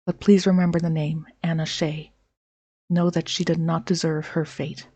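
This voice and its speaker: Woman, game narration, reading notes aloud, mellow husky tone, dry close sound. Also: low-pitched, little pitch movement, normal speed, no room sound, lo-fi sound. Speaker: gameplay narrator.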